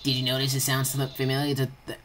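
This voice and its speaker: A woman giving excitable gameplay commentary, blurting out reactions and reading game dialogue aloud. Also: very deep voice, fast. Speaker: gamer recording gameplay.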